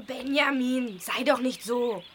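High little kid voice for a kids radio play, cheery but bossy-sensible, noisy outdoor-type background. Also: female voice, slow pace. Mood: chiding. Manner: lively, gently chiding. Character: cheerful, sensible young child, elephant's friend. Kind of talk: children's audio drama acting. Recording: clear background ambient noise.

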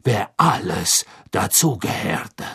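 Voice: deep voice, big pitch swings, takes it slowly, gravelly, a bit bright, slightly rough, no echo, studio quality, full character voice. An audiobook reader voicing a cowardly male former follower who speaks hastily and breathlessly, stammering as he pleads. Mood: pleading. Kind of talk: audiobook character voice.

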